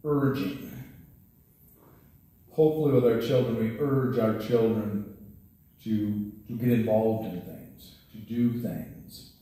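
Male pastor, middle-aged, mellow voice, very roomy church sound, heard from a distance. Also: lowish voice, slow pace, long pauses. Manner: conversational preaching with frequent restarts. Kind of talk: sermon. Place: church sanctuary at a pulpit. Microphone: headset mic.

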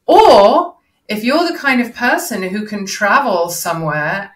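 A woman who works as a voice and performance coach, talking as a guest in an interview in a measured, explanatory way. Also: mid-range voice. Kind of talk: casual interview.

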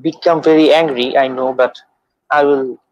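A man calling into a live show, speaking earnestly in short, halting phrases. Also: mid-range voice, steady tone, no room sound. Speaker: caller. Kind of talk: phone call into a live show. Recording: dull dry phone line.

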